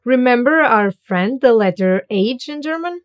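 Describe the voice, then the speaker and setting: A woman's voice: on the high side, animated, lo-fi sound. A woman narrating a scripted beginner language lesson, carefully demonstrating how words are pronounced. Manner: slow, careful pronunciation demonstrations. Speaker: language teacher.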